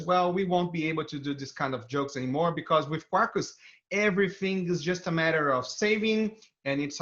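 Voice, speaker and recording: A developer advocate with a Brazilian accent, his voice on the high side and fairly bright, delivers a cheerful, enthusiastic tech talk. He walks viewers through a live coding demo, and the video stream audio sounds dull and band-limited.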